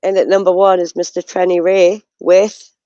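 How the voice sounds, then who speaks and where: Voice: mid-range voice, level tone, normal speed, warm tone, clear, resonant tone, no room sound. Host calling out chart votes, teasing, dull lo-fi dry sound. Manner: upbeat announcer, teasing suspense. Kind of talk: announcing chart results.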